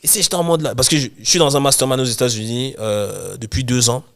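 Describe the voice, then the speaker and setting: A young man from Cameroon, a guest chatting casually in an interview, talking in quick run-on restarts. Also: mid-range voice, creaky. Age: young adult. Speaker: guest, real estate investor and coach.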